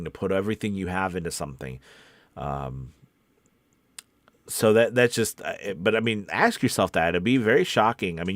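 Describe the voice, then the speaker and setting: The host of this coffee-time voice acting livestream is a voice actor whose voice sits low but has a fairly bright tone, with no echo. He rambles casually and encouragingly, earnest and conversational throughout.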